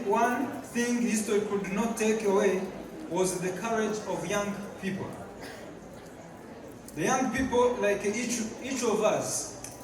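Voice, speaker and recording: A man from Tanzania giving a halting public speech with fillers and repeated words at a community event. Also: high voice, background noise. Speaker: guest speaker. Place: large hall at a community event. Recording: echoey hall, distant mic, crowd. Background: crowd.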